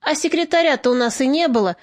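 A woman voicing a calm, shrewd partisan commander. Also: high voice, no echo, clean studio sound, voice pushed up, lightly acted. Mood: measured. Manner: measured, quietly persuasive. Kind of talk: audiobook reading.

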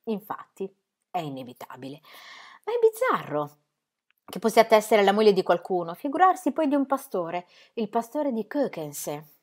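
A woman's voice: mid-range voice, huge pitch swings, normal speed, voice pushed up. A woman reading as a languid, flirtatious painter. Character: weary, flirtatious man, a painter, languid and charming.

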